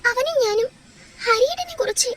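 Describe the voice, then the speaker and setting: Someone voicing a very high, pleading young wife. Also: lively intonation, normal speed, fairly bright tone, a little hiss or hum. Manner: pleading, confused, rising to tearful. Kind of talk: home-made doll drama voicing.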